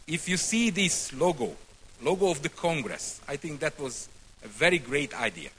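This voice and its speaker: A man from Hungary, giving a speech to a congress in short phrases with pauses for an interpreter. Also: on the high side, very animated, fairly bright tone, breathy edge. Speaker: congress speaker.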